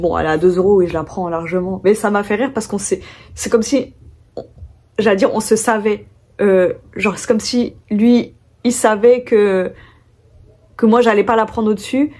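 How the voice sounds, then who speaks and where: A woman's voice: medium pitch, mellow. A young French woman chatting casually in a haul vlog, telling stories with many fillers and restarts. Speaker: vlogger.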